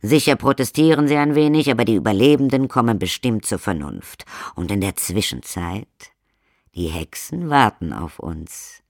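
Stern vampire count, as a male narrator does him, pompous measured voice, dry close sound. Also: lowish voice, animated, a little mellow, dry recording. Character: stern, self-assured vampire count, father.

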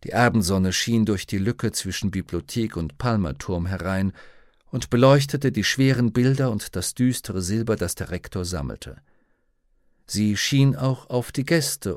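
A man reading a novel aloud as an audiobook narrator, calm and even. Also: lowish voice, a little slow, dry recording, studio quality. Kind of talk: scripted narration.

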